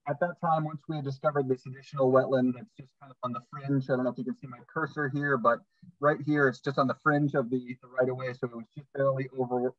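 A man's voice: medium pitch, a bit bright, no echo. Man with muffled, underwater-sounding audio. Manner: plain, step-by-step explaining. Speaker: project presenter at a public meeting. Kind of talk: explaining a plan on a video call. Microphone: computer mic on a video call. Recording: dull, muffled video call audio.

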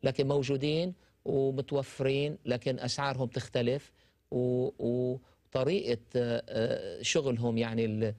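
Doctor explaining on TV. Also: male voice, mid-range voice, little pitch movement, normal speed, darkish tone, no echo. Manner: explanatory, gestures while talking, mixes in English terms. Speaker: doctor guest. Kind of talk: medical talk show discussion. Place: TV studio.

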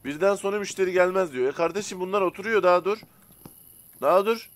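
A man casually commenting as he plays a simulator game, chatting to viewers and to the characters, and bursting out loudly when annoyed. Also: high-pitched, fast talker. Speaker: gaming streamer. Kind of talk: casual let's-play commentary.

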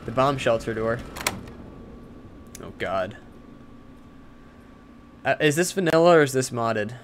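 A man giving casual let's-play commentary, chatty and easily spooked, who yells and swears when fights get tense. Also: mid-range voice, expressive, slow, slight background noise.

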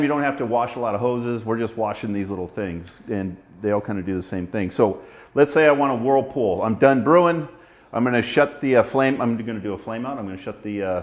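A man's voice: on the low side, a little fast. A man in his forties demonstrating brewery equipment in an easygoing, slightly fumbling, self-deprecating way. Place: brewery floor among steel tanks, indoors. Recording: slightly dull, muffled sound.

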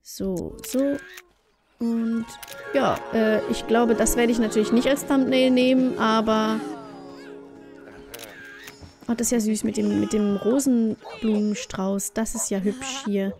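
A woman's voice: on the high side, fairly even intonation, measured pace, over music. A woman hosting a let's play, chatting casually through her gameplay and talking directly to the game characters.

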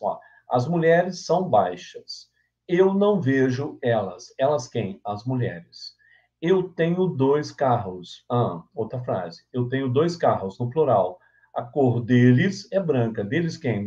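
A man's voice: medium pitch, mellow, lo-fi sound. A man teaching an exam-prep English grammar lesson. He explains step by step, asks himself questions and answers them, and often checks in with his students.

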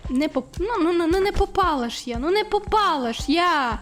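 A woman's voice: very high-pitched, brisk, soft background music. A woman streaming a video game, talking to the game as she plays and shrieking when it goes wrong. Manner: excitable, shrieks when frustrated; talks to the game. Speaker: gaming streamer. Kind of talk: let's-play commentary.

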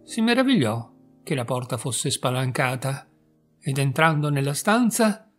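A man calmly reading a fairy tale aloud in a measured storytelling manner. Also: medium pitch. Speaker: narrator. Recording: soft background music.

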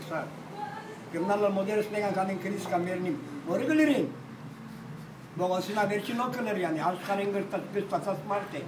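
A man's voice: high voice, distant mic. Rowdy older man in an echoey cafe. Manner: boisterous, rambling, swearing, sudden loud outbursts. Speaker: storyteller at a cafe table. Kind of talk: rowdy table talk. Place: cafe with glass front, indoors. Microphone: phone camera across the table. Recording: echoey room, voice off-mic, music behind.

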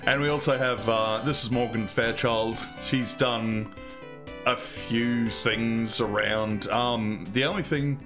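A man's voice: mid-range voice, steady tone, takes it slowly, music in the background. A man casually commenting on an old computer game he plays, swearing and rambling. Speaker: let's play host.

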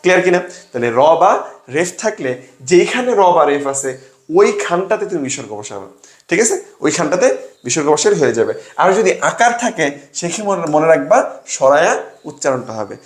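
Young male tutor, lively rise and fall, asks and answers his own questions, fairly high voice, roomy echo. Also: a little fast. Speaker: admission coaching tutor. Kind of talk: classroom lesson with sales pitch.

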